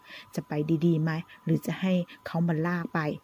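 A woman reading the lines of a proud, feverish young woman, slow and stern. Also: low-pitched, monotone, a little mellow, breathy edge, dull audio.

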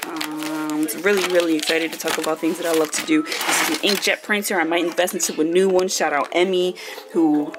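A woman giving a casual, excitable room tour for her vlog at home. She is congested and talks in a chatty way, full of fillers. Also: deep voice, a little fast, background noise. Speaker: vlogger.

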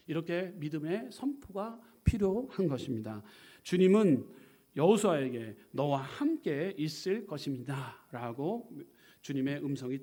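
Male pastor, sermon, slightly higher-pitched voice, rises to loud emphatic scripture reading, drops to casual asides. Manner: preaching with emphatic surges in volume, slowing for scripture readings; warm conversational asides to the congregation.

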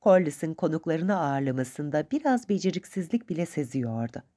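A woman narrating a novel for an audiobook in a calm, measured storytelling manner. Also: sits low.

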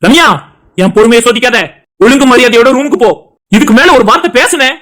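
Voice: mid-range voice, fast talker, a bit bright, lightly acted. A voice actor playing a stern, short-tempered elder brother and husband in a cartoon drama, commanding and scolding.

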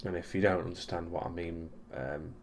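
A man's voice: low-pitched, steady tone, moderate pace, creaky, a little hiss or hum. A young man giving a casual weekly vlog recap, rambling with many ums and restarts and a dry, sarcastic streak. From Europe. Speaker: vlogger.

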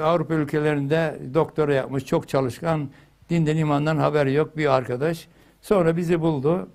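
An older man teaching a religious lesson, telling stories with lively energy and loudly chanting phrases for emphasis. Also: fairly high pitch.

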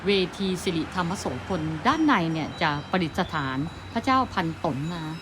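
A woman touring a temple on camera, explaining each spot with a friendly guide tone and soft polite endings. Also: on the low side, big pitch swings, normal speed, over music. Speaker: travel vlogger guiding a temple visit. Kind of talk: casual travel vlog narration. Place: outdoor temple grounds. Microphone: handheld phone camera. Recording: noisy outdoor ambience with passing vehicles.

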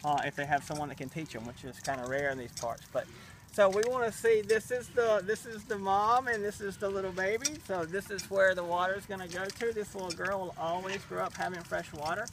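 A man's voice: high-pitched, steady tone, fairly quick, noisy background. A middle-aged man from a charity giving a casual, grateful vlog tour at a village well, speaking outdoors into a handheld camera. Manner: enthusiastic, grateful, explaining as he walks. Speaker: charity representative. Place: outdoors at a village well and a small new house.

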